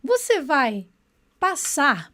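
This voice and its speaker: Woman, high voice, online English teacher, slows down to model phrases, checks in with students. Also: very animated, pushed and bright.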